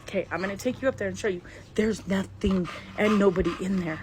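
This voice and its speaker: A middle-aged woman filming inside her house on a handheld phone, talking in a hushed, shaky voice that often drops to a whisper. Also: mid-range voice, fast. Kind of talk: frightened home video narration. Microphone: handheld phone camera. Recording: phone video with clear background noise.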